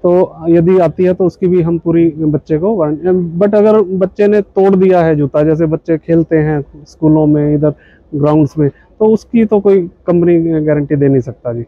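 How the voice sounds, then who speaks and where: A thirty-something man representing a shoe company talks visitors through his products at an indoor expo stall, patient and sprinkling in fillers and a courteous "ji, sir." The voice is slightly high at a normal pace, recorded without echo in narrow, tinny sound.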